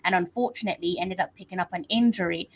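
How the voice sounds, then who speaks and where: A woman co-hosting a football chat, talking in a measured, thoughtful, explanatory way. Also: fairly low pitch, breathy edge, rough recording. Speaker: co-host. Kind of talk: casual football analysis.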